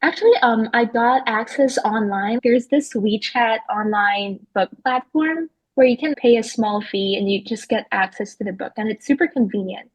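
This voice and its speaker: A woman's voice: on the high side, normal speed, few pauses, husky. A woman interviewing a guest, asking questions in a polite, appreciative way.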